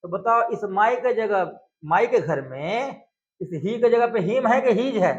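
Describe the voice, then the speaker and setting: A man teaching a grammar lesson, coaxing students with question after question. His voice sits very high for a man. The recording is echoey and a little dull. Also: expressive, measured pace. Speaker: English teacher. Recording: echoey, dull lo-fi room sound.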